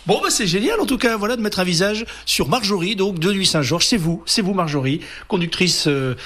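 A man's voice: sits high, expressive, brisk, fairly bright tone. A man hosting a casual radio interview, chatty and teasing with his guest. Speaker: radio host and reporter.

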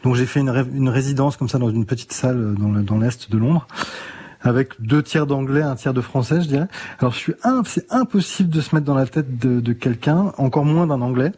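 A man's voice: medium pitch, a little fast, mellow, slightly rough. A man, a musician guest on a radio show, talking reflectively and thinking aloud with restarts. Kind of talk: radio interview.

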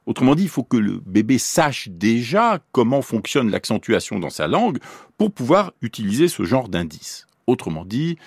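A man's voice: mid-range voice, big pitch swings, normal speed, slightly rough, no room sound, studio quality. A man explaining how babies learn words in a radio science talk, posing questions to the listener as he goes. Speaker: neuroscientist explaining the brain.

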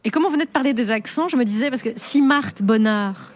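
A Belgian woman with a La Louvière accent hosts a casual radio interview. She talks in a teasing, playful way, her voice sitting fairly high. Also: fairly quick. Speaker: radio host.

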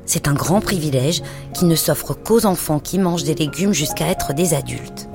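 A woman's voice: deep voice, moderate pace, creaky. Woman playing a tender, secretive mother. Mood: apologetic. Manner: tender, hushed. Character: gentle, mysterious young mother. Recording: music playing underneath.

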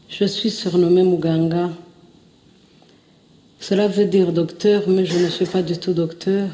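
A woman from Rwanda, giving a measured, solemn stage testimony as a genocide survivor. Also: fairly low pitch, warm tone. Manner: slow, measured, declarative. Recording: roomy archive stage recording.

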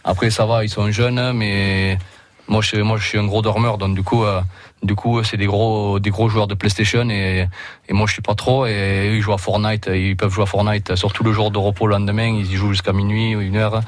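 A man's voice: fairly low pitch, level tone, normal speed, dry recording. A man in his thirties with a Roussillon French accent, a rugby league player talking casually as a radio guest, hesitant and full of restarts.

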